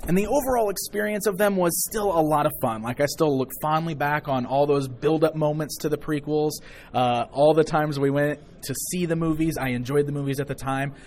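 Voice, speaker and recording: A man in his thirties co-hosting a podcast, chatting in an excited, emotional way and laughing often. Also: on the high side, fairly quick, slight background noise. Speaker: podcast co-host. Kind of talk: casual chat.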